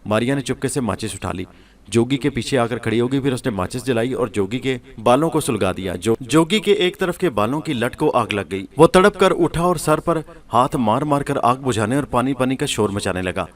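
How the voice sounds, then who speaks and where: Guy reading a spooky story, steady pace, plain voice. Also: medium pitch. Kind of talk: scripted narration of a horror story.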